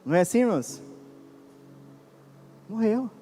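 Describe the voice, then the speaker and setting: High-voiced Brazilian pastor preaching. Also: male voice, lively intonation, a little slow, mellow, in a large hall, faint music behind. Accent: Brazilian Portuguese. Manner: preaching with sudden rises and drops, questioning the congregation. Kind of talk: sermon. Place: church.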